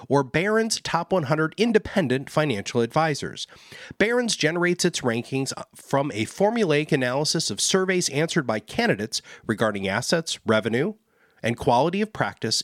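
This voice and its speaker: A man reading a long, scripted legal disclaimer in a steady, formal way. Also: on the high side, no echo, clean studio sound. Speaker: disclaimer announcer.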